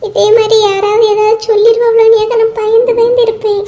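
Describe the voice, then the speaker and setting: A woman's voice: very high voice, little pitch movement, a little fast, warm tone. A woman voicing a gossipy, touchy village wife in a cartoon, speaking in a Kanyakumari Tamil accent and complaining in a whiny, self-pitying way. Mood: aggrieved. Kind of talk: cartoon voice acting.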